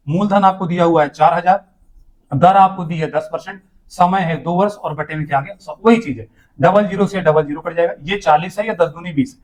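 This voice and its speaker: A male maths teacher leading an exam-prep lesson, patiently walking students through each step and asking them questions as he goes. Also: sits high. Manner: calls students "beta".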